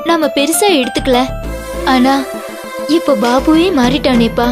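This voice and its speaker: A woman's voice: sits high, unhurried. An actress playing a worried young daughter who speaks sorrowfully to her father, in a TV serial scene with background music. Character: young woman, caring and troubled daughter. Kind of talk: TV serial acting.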